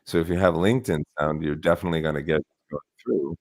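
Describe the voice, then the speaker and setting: A man's voice: extremely low pitch, fast talker, darkish tone, dry recording, clean studio sound. A man hosting a live video chat, talking casually with fillers and restarts while his audio cuts in and out, leaving the volume uneven. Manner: thinks aloud with fillers and restarts. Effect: audio cutting in and out, uneven volume. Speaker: livestream host.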